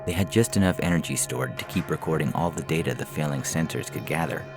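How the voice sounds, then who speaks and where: Speaking quickly in an extremely low voice, a male narrator delivers a scripted science fiction story podcast-style. Instrumental music can be heard behind his voice.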